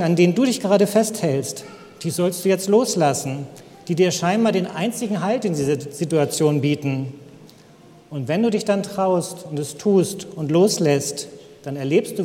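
An earnest male preacher who tells stories and urges his listeners to trust, in a gentle, encouraging manner. His voice sits high for a man, and a long hall reverb trails every phrase. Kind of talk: sermon with storytelling.

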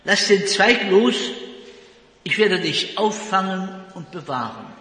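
Preacher playing god, calm slow solemn man voice, echoes around the hall. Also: high-pitched, exaggerated voice. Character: booming voice of God, calm male.

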